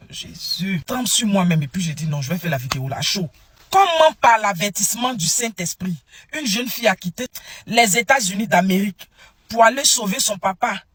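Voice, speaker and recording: A man, his voice high and husky, races through a religious testimony. He turns straight to his listeners and acts out every person he quotes with dramatic flair. The sound is close and dry, with no room around it. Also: a bit bright, no room sound.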